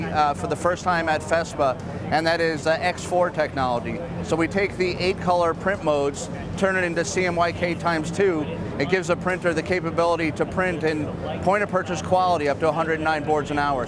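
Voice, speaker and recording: A man in his fifties, a marketing executive, giving a brisk, upbeat walkthrough of machines at a busy trade fair, with frequent fillers. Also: on the high side. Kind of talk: trade show product walkthrough. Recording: clear trade hall ambience behind.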